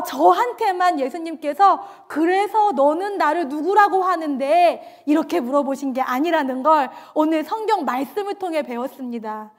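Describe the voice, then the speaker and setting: A woman preacher tells her story from the pulpit in a very high voice. She is earnest and acts out what others said. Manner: earnest storytelling, acting out quoted lines, warm laughs. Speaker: pastor. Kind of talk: sermon. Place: church sanctuary.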